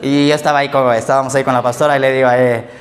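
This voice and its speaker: A man's voice: medium pitch, little pitch movement, racing. A man preaching a sermon as pastor of a church, telling stories about himself with humor. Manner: storytelling with self-mocking anecdotes and laughter. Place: church service.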